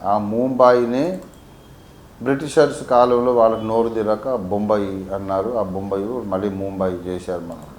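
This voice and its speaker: A man from Warangal, a pastor teaching a Bible sermon, swinging between quiet asides and emphatic peaks. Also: lowish voice, steady tone, moderate pace, reverberant, a little hiss or hum. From Warangal, India.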